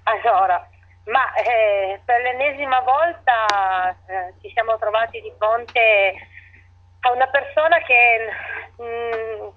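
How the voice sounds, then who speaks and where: A woman, a town mayor, answering interview questions over the phone in halting speech that often restarts its phrases. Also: a little high. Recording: tinny phone line.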